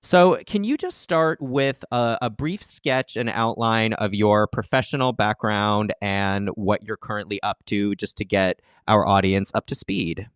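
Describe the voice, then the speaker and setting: A man hosting a podcast, reading a smooth introduction and then asking casual questions. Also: fairly low pitch, unhurried, few pauses, dry recording, clean studio sound. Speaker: podcast host.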